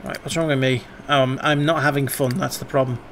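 A man's voice: medium pitch, fairly even intonation, fairly quick, fairly bright tone, slight background noise. A man streaming a life-sim game, giving wry, chatty commentary and swearing casually.

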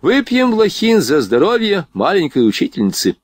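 A sly young officer, read by a man, needling his friend with mocking good humor. The voice is lively in pitch and dry. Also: moderate pace, dry recording, full character voice. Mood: teasing. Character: teasing young male officer.

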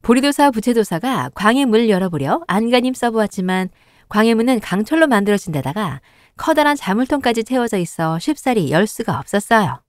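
Woman narrator for cartoon folk tales, steady and gentle. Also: a little high, fairly quick, no room sound, studio quality. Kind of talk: storybook narration.

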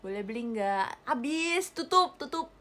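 Her voice sits high and sounds sing-song, pushed and bright, a little slow. She's a young idol livestreamer chatting casually, giggling frequently and thanking viewers for gifts, recorded at close range by webcam or phone in a small bedroom with a gaming chair.

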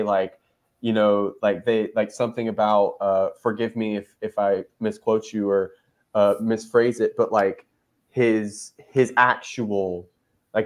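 Rambling man chatting casually. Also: fairly low pitch. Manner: rambling, filler-heavy talk. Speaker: discussion participant. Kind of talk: casual chat.

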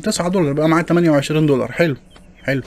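Egyptian male gaming host, quick and joking running commentary, a little higher voiced than most men. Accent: Egyptian Arabic. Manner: joking, chatty, complaining to viewers. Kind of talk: gameplay commentary.

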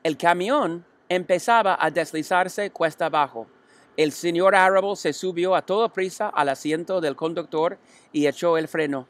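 A man reading a children's storybook aloud, slow and careful, now and then restarting a word. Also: a little high, fairly bright tone. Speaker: audiobook reader.

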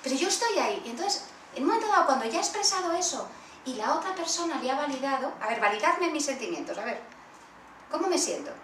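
A woman with a Spanish accent from Spain leading an interactive workshop, animated and acting out examples. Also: high voice, quick pace. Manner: animated, acts out children's voices in role-play. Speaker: workshop facilitator. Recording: roomy far-off room recording with faint noise.

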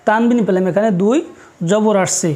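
A man teaching a step-by-step Quran reading lesson, slowly spelling out letters and repeating each rule. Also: high voice, steady tone, mellow. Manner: slow, repeats rules and spells letters aloud.

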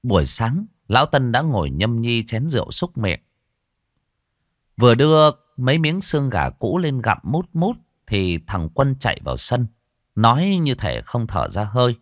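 A man's voice: mid-range voice, sing-song, moderate pace, dry recording, clean studio sound. A man narrating a ghost story in a vivid, dramatic way.

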